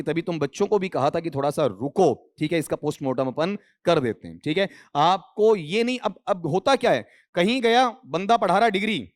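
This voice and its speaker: A man with a fairly high voice lectures a room of students. He fires questions at the class and answers them himself. The sound is close and dry. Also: no echo. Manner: mixes English grammar terms into his Hindi. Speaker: English teacher.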